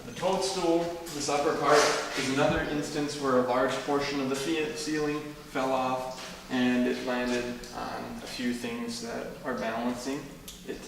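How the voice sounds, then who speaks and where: A man's voice: medium pitch, little pitch movement, measured pace, few pauses. Man guiding a tour in an echoing cave. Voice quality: cave echo on the voice. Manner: explanatory, pointing out features. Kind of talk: informal guided tour talk. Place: inside a cave. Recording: echoing cave, distant mic, clear noise.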